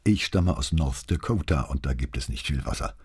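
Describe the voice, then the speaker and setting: A man's voice: a bass voice, expressive, moderate pace, husky, exaggerated voice. A man reading as a young woman army doctor. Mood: earnest.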